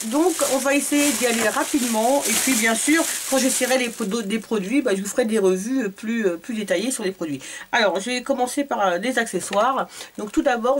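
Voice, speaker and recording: A woman's voice: mid-range voice, a little hiss or hum. A woman from France, a beauty vlogger, chatting casually through a shopping haul video, hesitant with many fillers and repeated words.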